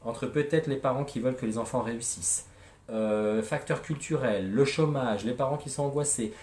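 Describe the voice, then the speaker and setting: A man's voice: mid-range voice, moderate pace, darkish tone. A man, a psychologist, talking casually and animatedly on a live show, joking and using slang. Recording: echoey room.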